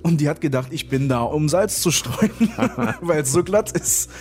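A man's voice: fairly high pitch, expressive, a little slow, darkish tone. A man telling an anecdote in casual conversation as an interview guest. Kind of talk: casual storytelling.

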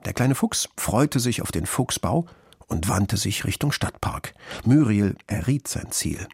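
A man's voice: on the low side, lively intonation, a little slow, breathy edge, no echo, clean studio sound. A man narrating a children's story expressively. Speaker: audiobook narrator.

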